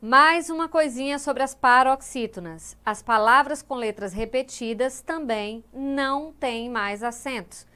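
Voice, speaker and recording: A woman's voice: high voice, unhurried, hardly any pauses, sharp tone, clean tone. A woman teacher giving a grammar lesson, explaining step by step and voicing the students' questions before answering them. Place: studio of an educational channel.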